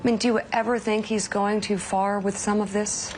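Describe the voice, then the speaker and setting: A woman's voice: mid-range voice, flat delivery, moderate pace, a little mellow, a little hiss or hum. A woman interviewing a guest on television, asking direct, probing questions.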